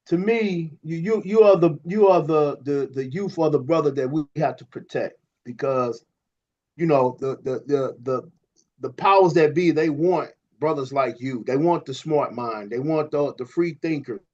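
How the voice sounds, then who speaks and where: A man co-hosting a podcast, talking in an animated, preachy way to a guest and stumbling over repeated words. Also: a little high, normal speed. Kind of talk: casual podcast conversation. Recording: slightly dull lo-fi audio.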